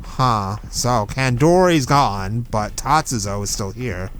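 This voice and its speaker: A man's voice: mid-range voice, takes it slowly, fairly bright tone. A young man casually commenting on a game he is playing, chatty and giving strategy tips. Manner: chatty, gives strategy tips, self-correcting. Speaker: let's play host.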